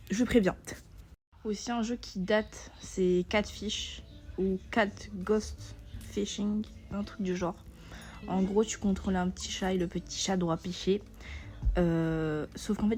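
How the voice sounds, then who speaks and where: Rambling, chatty young woman vlogger. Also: medium pitch. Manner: rambling, chatty, full of fillers. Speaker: beginner gaming YouTuber. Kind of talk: casual vlog chat.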